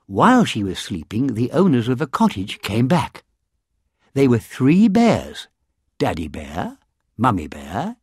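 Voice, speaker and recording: A storyteller reading a children's storybook aloud, expressive and changing pitch to paint each size. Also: breathy edge, no echo, studio quality.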